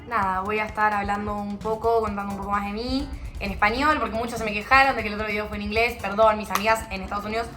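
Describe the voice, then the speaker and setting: A woman's voice: medium pitch, bright, forceful tone. A young woman from Argentina with a Rioplatense accent, chatting casually and self-mockingly to camera in a home vlog. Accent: Rioplatense Argentine Spanish. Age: young adult. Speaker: vlogger. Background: music.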